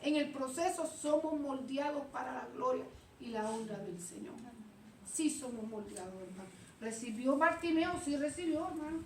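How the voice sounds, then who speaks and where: A woman preaching an informal sermon, lively, acting out Bible voices and calling the listeners "brother". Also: high-pitched, normal speed, slight background noise. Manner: animated, acts out Bible voices, calls listeners "hermano". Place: church. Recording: echoey room, heard from a distance.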